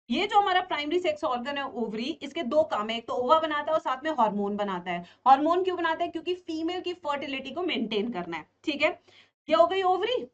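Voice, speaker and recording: A young adult woman giving a playful online biology lesson for exam prep, asking her students questions and answering them herself. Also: high-pitched. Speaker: biology teacher. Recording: dull lo-fi stream audio.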